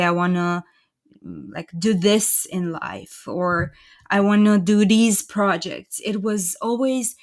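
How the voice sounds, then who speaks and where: A woman with a Romanian accent, speaking in a mid-range voice, is a guest in a casual podcast conversation. She talks in a thoughtful, self-deprecating way, often laughing lightly at herself. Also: mid-range voice. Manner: thoughtful, self-deprecating, chuckles while talking.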